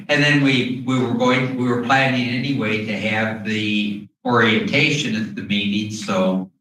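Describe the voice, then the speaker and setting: A man speaking through a face mask, explaining things haltingly as an official at a public meeting, with pauses and throat clearing. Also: fairly low pitch, a bit bright. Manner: hesitant, with long pauses and frequent throat clearing. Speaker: school district official presenting to a board. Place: indoor meeting room. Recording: very echoey room, distant mic, faint noise.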